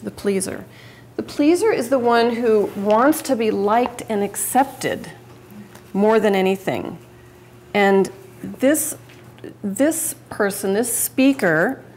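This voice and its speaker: A woman's voice: medium pitch, a little mellow, slight background noise. A woman giving a live public speaking talk to an audience, chatty and conversational, often restarting and correcting herself mid-sentence.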